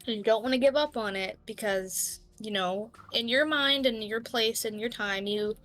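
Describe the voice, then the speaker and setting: Young woman guest, rambly casual chat, slightly high voice, faint music. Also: moderate pace, fairly bright tone. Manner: rambling, filler-heavy. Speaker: guest club owner.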